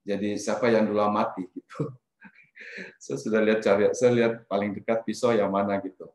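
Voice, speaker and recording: A middle-aged man from Indonesia telling a personal life story in an animated, casual way, slipping in English phrases. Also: lowish voice, fairly quick. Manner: animated, mixes in English phrases, trails off and restarts. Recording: roomy echo.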